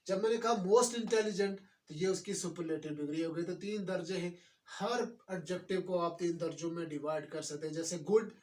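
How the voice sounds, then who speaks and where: A man teaching a grammar lesson, explaining slowly and repeating words. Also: high voice, darkish tone, far from the mic.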